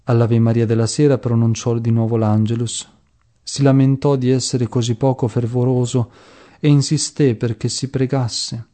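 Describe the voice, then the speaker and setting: A man reads the life of a saint aloud with devotion. His voice is warm and mellow. He sets each phrase down slowly and reverently. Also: mid-range voice, flat delivery. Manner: slow, measured and reverent. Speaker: devotional reader.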